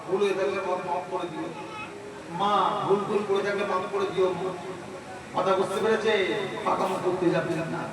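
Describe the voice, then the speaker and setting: A man preaching a sermon at a large gathering, jumping between loud calls and soft asides and urging the crowd to respond. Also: high voice, recorded from a distance, noisy background. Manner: questions and urges the crowd to respond. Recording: very echoey PA sound from afar, crowd behind.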